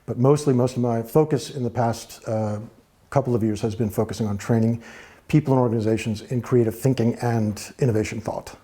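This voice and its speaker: A man from the United States with an American accent, a guest in a studio interview, talking in a thoughtful, measured way with frequent fillers. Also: medium pitch, fairly even intonation, dark tone. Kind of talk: relaxed interview talk.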